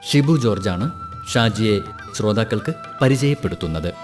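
A man narrating a farm program in a measured, formal announcing manner. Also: fairly low pitch, lively intonation, loud music behind the voice. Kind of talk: scripted radio feature narration.

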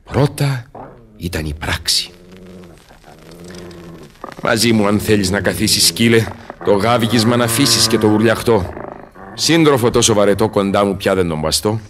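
A man's voice: fairly low pitch, pauses often, background noise, lightly acted. A man playing Faust, a learned, solemn old scholar, declaiming and musing aloud in verse in a Greek radio drama. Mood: stern, weary.

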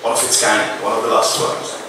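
A man's voice: fairly low pitch, little pitch movement, normal speed, crowd noise. Man giving a keynote in an echoey hall. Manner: hesitant, many "uh" fillers, casual. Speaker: keynote speaker. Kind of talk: conference keynote talk. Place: large auditorium stage, indoors. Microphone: handheld mic, filmed from far back. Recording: echoey hall, distant camera mic.

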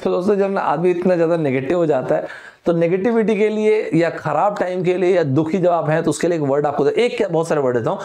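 A man's voice: a little high, fast, mellow. A young man from India teaching vocabulary online, playful, acting out both himself and his students and quoting film lines. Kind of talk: lively Hindi vocabulary lesson.

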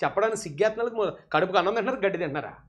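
With a very high, expressive voice, a man rattles off heated political commentary at rapid-fire speed. He mocks and scolds his targets with biting sarcasm, taunting them again and again.

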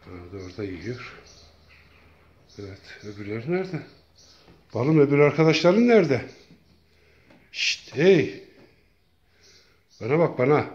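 A man talking casually to his cats, calling them over and over in a coaxing way and now and then gently scolding them. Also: medium pitch, expressive, unhurried, long pauses, highs cut off. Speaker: cat feeder. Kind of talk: casual talk to pets.

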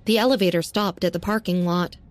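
A woman narrating a serialized audio story in a steady, even reading. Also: fairly low pitch, fairly quick, no room sound.

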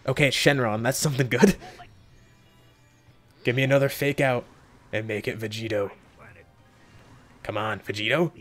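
A young man hosting a mobile game summoning video, talking casually to viewers and yelping with excitement between low muttered comments. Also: moderate pace, pauses often, faint music behind. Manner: excitable, jumps into high yelps when hyped, muttering between pulls. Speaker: gaming video host. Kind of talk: casual gacha summon reaction.

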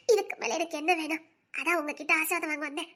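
A woman playing a gentle, devoted young village woman who speaks softly and humbly. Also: very high voice, fairly quick. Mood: tender. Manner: soft, tender and humble. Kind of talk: audio drama acting.

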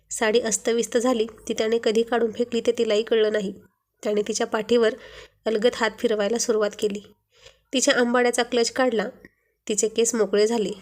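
A woman reads a romance story aloud in a soft, expressive way. Her voice sits fairly high, and the reading is calm and scripted.

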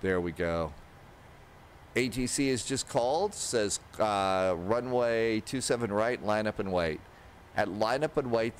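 A man in his sixties giving casual instructional commentary on a flight simulator, talking himself through each step at a close microphone. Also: on the low side. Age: older, 60s. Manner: talks himself through steps aloud. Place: indoor home streaming setup. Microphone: close desk microphone. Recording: steady aircraft engine noise behind. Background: simulated aircraft cockpit and engine noise.

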